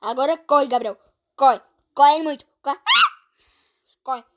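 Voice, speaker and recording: A woman with a Brazilian Portuguese accent giving excitable gameplay commentary, often breaking into panicked exclamations. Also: high-pitched, unhurried, slight background noise. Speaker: gamer streamer.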